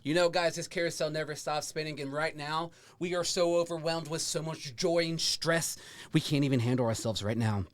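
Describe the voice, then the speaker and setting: A man's voice: fairly high pitch, fairly quick, no echo. A man hosting a podcast with effusive, casual talk that repeats itself and slips into hyped announcing and swearing. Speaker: podcast host.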